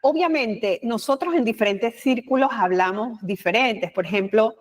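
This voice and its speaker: Animated Panamanian woman guest. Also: fairly high pitch, moderate pace. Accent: Panamanian Spanish. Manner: animated, expressive, with frequent filler words and quoted asides. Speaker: guest, communication expert. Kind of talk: conversational interview.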